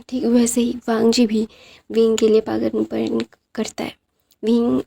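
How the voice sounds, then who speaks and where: Gravelly woman storyteller. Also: fairly high pitch, warm tone. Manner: rambling retelling with fillers and English words. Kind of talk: casual story narration.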